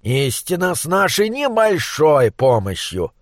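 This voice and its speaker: A man's voice: fairly high pitch, sing-song, a little slow, no echo, clean studio sound. A man voicing a brilliant, bitter monster scientist who speaks with acid sarcasm. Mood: scornful. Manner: acid, sardonic.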